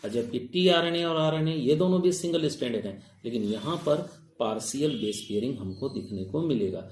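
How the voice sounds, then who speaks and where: A man's voice: mid-range voice, animated, brisk, darkish tone, roomy sound, a little hiss or hum. A man giving an exam-prep biology lecture. He mixes Hindi with English technical terms and keeps asking his students questions, calling them "babu". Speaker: biology teacher.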